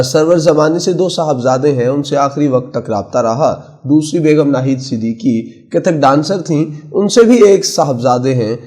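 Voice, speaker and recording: A man narrating a written opinion column in a measured, emphatic reading. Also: mid-range voice, dark tone. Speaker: column reader.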